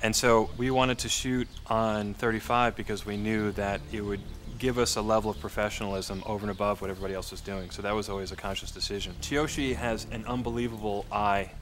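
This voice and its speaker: A man's voice: on the low side, fairly even intonation, a little fast, few pauses, a bit bright, a little hiss or hum. A man speaking as a film director in a behind-the-scenes interview, explaining his work in a reflective way.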